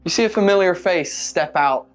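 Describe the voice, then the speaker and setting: A man's voice: high-pitched, moderate pace, faint music behind. A man narrating a tabletop game as game master, describing scenes casually with fillers.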